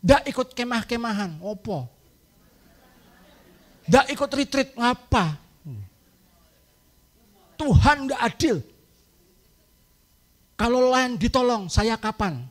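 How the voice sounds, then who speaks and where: A middle-aged man with a Javanese-tinged Indonesian accent, preaching a humorous, lively sermon at a women's camp and acting out people's voices. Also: takes it slowly, long pauses. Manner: humorous, acts out congregants in high voices, mixes in Javanese words. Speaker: pastor, speaker at a women's camp.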